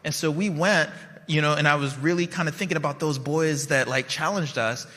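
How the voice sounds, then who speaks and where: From a conference stage, a man from Liberia gives a keynote with a bright, forceful voice that is a little high and a little fast. He tells stories conversationally and keeps checking in with the audience. The big hall lends the audio a long reverb.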